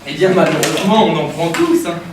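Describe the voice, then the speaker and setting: Casting: male actor as fawning middle-class husband, animated and easily flustered, stage comedy, echoey distant recording. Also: fairly high pitch, a little fast, background noise, natural voice. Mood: flustered, defensive. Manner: ingratiating, hesitant, repeats himself. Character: obsequious, flustered bourgeois husband hosting a dinner.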